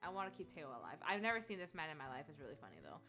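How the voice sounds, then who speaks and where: A woman's voice: deep voice, very animated, racing, pushed and bright, faint music behind. A woman streaming a game live, reading its text aloud and reacting with playful, giggly squeals.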